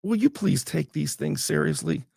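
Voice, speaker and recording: Fired-up gravelly male talk host. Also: a little high, animated, moderate pace, a little mellow, dry recording, studio quality. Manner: fired up, blunt, swears. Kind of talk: heated political interview.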